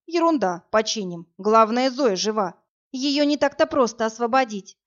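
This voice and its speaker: A woman's voice: a little high, lively intonation, normal speed, close to an everyday voice. Woman reading a nervous, unhinged young man. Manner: nervous, faltering, then ranting. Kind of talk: audiobook character reading. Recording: dull lo-fi audio.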